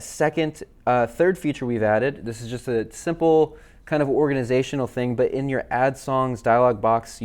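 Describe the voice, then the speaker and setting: A man, a worship leader, walking viewers through app features in a relaxed, chatty way with fillers. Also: fairly low pitch. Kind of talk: casual software demo. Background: backing tracks playing.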